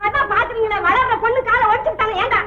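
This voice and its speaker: An actress playing a sharp-tongued, nagging middle-aged aunt in a 1960s film, wailing and scolding. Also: female voice, very high voice, steady tone, quick pace. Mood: indignant. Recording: dull old film soundtrack with faint hiss.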